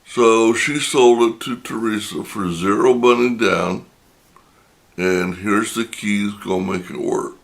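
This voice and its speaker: A deep, gravelly voice belongs to an older channel host, slightly raspy after talking for a long time. He shares a personal story with viewers in an unhurried, reflective manner, pausing frequently.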